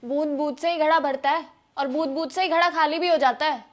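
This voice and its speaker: A woman plays a persuasive young wife in a scripted family skit, laying down the law to her husband about savings like a level-headed homemaker. Her high voice is brisk and steady in tone, close to how she normally talks.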